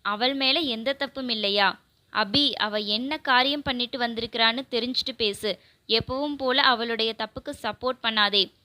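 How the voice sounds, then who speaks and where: A furious, lamenting mother, as a woman reader puts her on in an audio novel. The voice is bright and a little high. It sounds close and dry. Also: moderate pace, no room sound. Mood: indignant. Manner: scolding, lamenting. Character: grieving, furious middle-aged mother.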